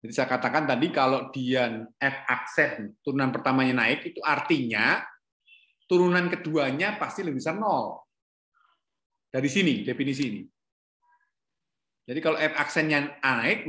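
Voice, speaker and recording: The speaker is a middle-aged man giving a calculus class online from a room in his home instead of an office. His mid-range voice is bright and forceful, moving at normal speed, with reverb from the echoey space. He questions, corrects himself mid-stream, and repeats "ya."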